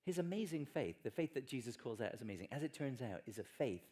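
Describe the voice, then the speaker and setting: A man preaching a sermon in church, animated and playful, acting out quoted lines. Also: medium pitch, fast talker. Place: church hall.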